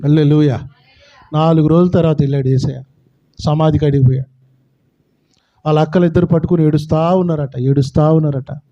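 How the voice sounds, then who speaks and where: A man's voice: fairly high pitch, steady tone, brisk, pauses often, muffled recording. A male pastor preaching a fervent sermon, calling out to his congregation.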